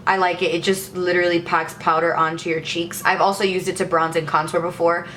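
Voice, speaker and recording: Casting: young female beauty vlogger, lower register, chatty and upbeat, faint hiss behind. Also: flat delivery, a little fast, a bit bright. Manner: chatty and enthusiastic. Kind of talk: casual makeup tutorial.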